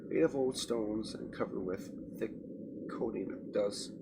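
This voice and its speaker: Acting as a let's play host, a man reads a game's text aloud, stumbling now and then and tossing in casual asides. His voice is gravelly, on the low side and a little slow, captured in a very noisy home recording.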